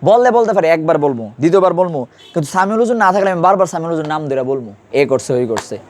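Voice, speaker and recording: A man's voice: on the high side, expressive, quick pace, slight background noise. A man teaching a classroom grammar lesson, quizzing students and repeating key terms.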